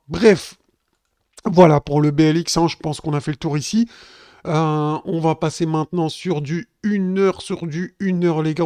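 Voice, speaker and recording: A man's voice: a little high, a little mellow, no room sound. A man giving casual live crypto chart analysis, chatting directly to his viewers. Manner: chatty, addresses viewers as "les gars". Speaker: crypto trading streamer.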